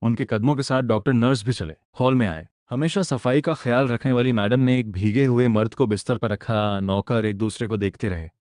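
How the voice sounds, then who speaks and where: A man narrating a story recap in the first person, in a steady, even manner on a close voice-over mic. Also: medium pitch, normal speed, few pauses, no room sound.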